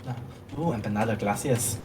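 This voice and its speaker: A man's voice: on the low side, a little fast, darkish tone, far from the mic, slight background noise. A man chatting casually and jokingly during a roleplay. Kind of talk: in-character roleplay chat.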